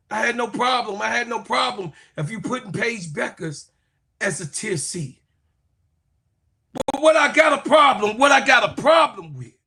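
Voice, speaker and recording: Fired-up sports show guy yelling his take, lots of swing in his voice, tense bright tone. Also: very high-pitched, gravelly, slightly rough. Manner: fiery, profane, repeats phrases, often shouting. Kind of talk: heated sports commentary rant.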